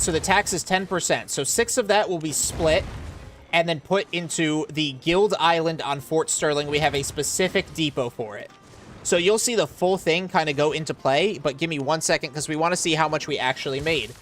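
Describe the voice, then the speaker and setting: A man's voice: a little high, normal speed, a bit bright, slight background noise. A young American man from Florida, casually talking through a live game stream and answering chat. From Florida, USA. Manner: chatty, explains while playing, reads chat aloud.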